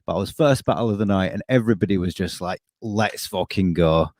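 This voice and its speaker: A man's voice: deep voice, fairly quick, a little mellow. A man, bantering casually in a dry, teasing way as a guest on a video call. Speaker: battle rapper, guest. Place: room at home, video call.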